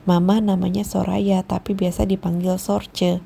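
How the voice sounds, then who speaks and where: A woman reading the part of a young woman patient in a storybook, quiet and plain-spoken. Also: medium pitch, flat delivery, moderate pace, creaky, slight background noise. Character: young woman patient recalling her sad childhood.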